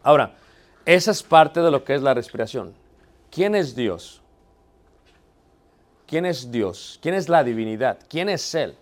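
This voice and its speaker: A man teaching a theology class, asking the students questions and checking that they are following. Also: mid-range voice. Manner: poses rhetorical questions and answers them himself. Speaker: Bible teacher.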